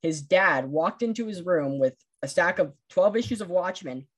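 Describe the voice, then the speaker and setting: Male podcast guest, passionate and quick analysing films. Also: sits high, expressive, a bit bright. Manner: passionate, rapid film analysis. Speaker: podcast guest, film critic. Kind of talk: casual chat.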